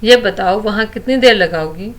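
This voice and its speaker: A woman's voice: mid-range voice, natural voice. Woman reading as a kindly middle-aged father. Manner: warm-hearted and good-humoured. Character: middle-aged man, kind, affectionate father.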